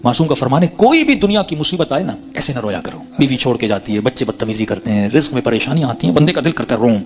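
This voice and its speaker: A man's voice: mid-range voice, very animated, slight background noise. A man preaching, telling a religious story as a sermon in a dramatic way, his voice swelling on the emotional peaks.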